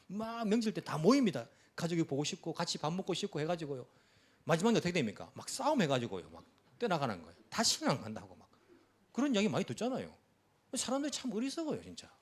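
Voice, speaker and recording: A male pastor preaching a sermon in a church, posing many rhetorical questions. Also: fairly high pitch. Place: church sanctuary.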